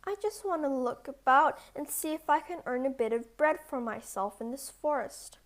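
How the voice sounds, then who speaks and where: Woman putting on a high-voiced boastful little tailor. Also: normal speed, lightly acted. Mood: whimpering. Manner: ostentatious, cheeky. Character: little boastful, sly, curious male tailor.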